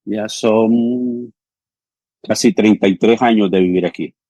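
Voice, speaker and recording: An earnest Salvadoran pastor in his fifties, who also coordinates theological education, speaks in a conversational interview, often checking in with fillers like "¿sí?" and "ujú". His voice is fairly low, steady and mellow, with a slow pace. There's no echo.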